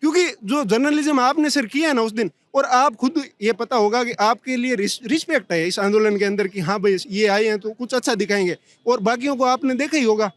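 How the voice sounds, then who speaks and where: A man's voice: very high voice, no echo. A young man from Rajasthan, a protester speaking in an impassioned street interview at an outdoor protest. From Rajasthan, India. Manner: impassioned, rapid-fire complaints.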